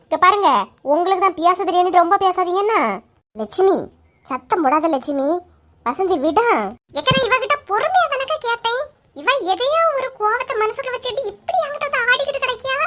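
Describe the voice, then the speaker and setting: This is a squeaky, sky-high cartoon voice for a gossiping village woman. She bickers indignantly in a Kanyakumari Tamil accent. She sounds quick to take offence. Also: lively intonation, a bit bright. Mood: quarrelsome. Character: quarrelsome village women, touchy and loud. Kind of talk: animated comedy voice acting.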